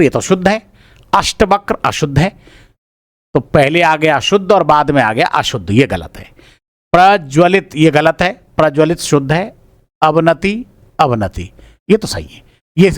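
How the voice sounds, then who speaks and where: A man with a fairly high voice goes question by question through an exam answer key. He repeats each word aloud as he checks it and keeps his tone informal. The recording is dry and close, with no room sound. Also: a bit bright, dry recording. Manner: informal, addresses listeners as brother. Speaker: teacher.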